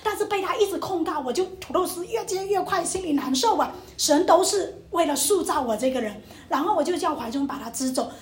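A woman's voice: very high voice, animated, brisk, reverberant. A young woman preacher giving an emotional testimony sermon, acting out the voices in her story. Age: young adult.

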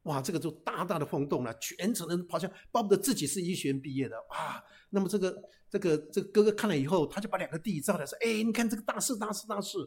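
A man telling a folk tale aloud in a lively, chatty way, with frequent hesitations and restarts. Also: a little high, fast talker, hardly any pauses, slightly rough. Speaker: storyteller.

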